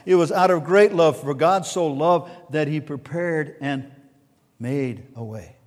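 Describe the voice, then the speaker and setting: A man preaching a sermon as pastor, swinging between soft and loud and repeating key words. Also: fairly high pitch, a little slow, big-room sound.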